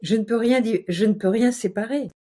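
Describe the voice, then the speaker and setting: A woman's voice: fairly high pitch, brisk, warm tone. A woman speaking as a guest, explaining passionately in a casual, emphatic way with vivid exaggeration.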